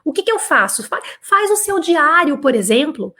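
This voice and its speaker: High-voiced Brazilian woman teaching French. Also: big pitch swings, moderate pace, sharp tone. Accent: Brazilian Portuguese. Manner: chatty, blunt, exasperated bursts, filler-heavy. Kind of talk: live online lesson.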